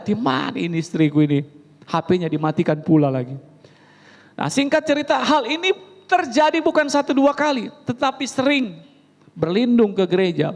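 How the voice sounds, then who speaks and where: A male preacher, telling stories in an animated sermon and often addressing the congregation. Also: high voice. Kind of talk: storytelling sermon. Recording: reverberant hall.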